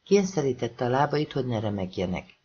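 Husky man narrating a thriller. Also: medium pitch, big pitch swings, mellow, highs cut off. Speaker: audiobook narrator. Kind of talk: scripted narration of a thriller novel.

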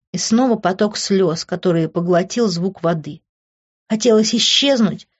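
A woman narrating a first-person audiobook in a steady, emotionally shaded reading. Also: a little high. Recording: slightly dull lo-fi audio.

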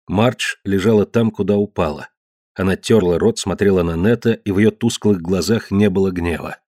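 A man narrating an audiobook in a measured, descriptive way. His voice sits fairly low. It is recorded close and dry, with no room around it. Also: darkish tone, dry recording. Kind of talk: scripted narration.

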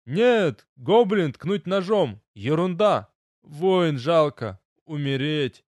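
A man's voice: fairly high pitch, lively intonation, takes it slowly, darkish tone, no echo. A man voicing a wounded male dwarf who speaks in broken, ungrammatical phrases. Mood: grieving. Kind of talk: audiobook character voice.

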